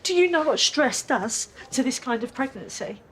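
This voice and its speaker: A woman's voice: high-pitched, animated, moderate pace, a bit bright, a little hiss or hum. A tearful pregnant woman in custody. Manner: pleading, anxious. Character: frightened pregnant woman held for murder. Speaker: murder suspect in custody.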